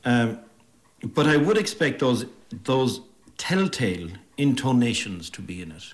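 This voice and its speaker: An Irish man answering interview questions on the radio in a thoughtful, articulate way, with pauses. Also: medium pitch, very animated. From Ireland.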